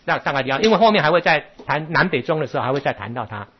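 A man lectures on Buddhist scripture in a husky, somewhat high voice. He talks haltingly, repeating words and sprinkling in filler particles. The recording sounds dull and lo-fi. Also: lively intonation.

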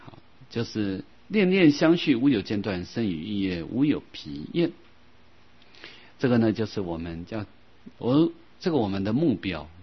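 A man teaching a Buddhist dharma lecture in a gentle, unhurried way, with soft filler sounds and slow, drawn-out recitation of scripture. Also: fairly low pitch, very animated, slightly rough. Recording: dull lo-fi sound.

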